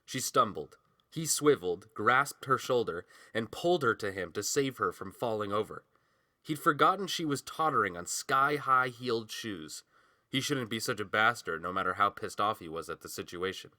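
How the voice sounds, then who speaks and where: A man narrating a romance audiobook in a measured, expressive way, close to the mic. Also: on the low side, no room sound.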